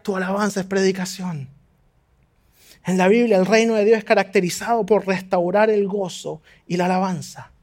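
A man preaching a sermon, fervent and exhorting, his voice climbing high on points of emphasis. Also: steady tone, a little fast, a little mellow.

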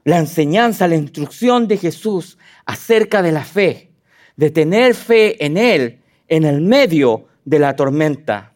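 A man preaching a sermon in a high, sing-song voice that leaps up and down. He talks animatedly and puts direct questions to his listeners. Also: slow. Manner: animated, acts out quotes with sudden high dramatic voices.

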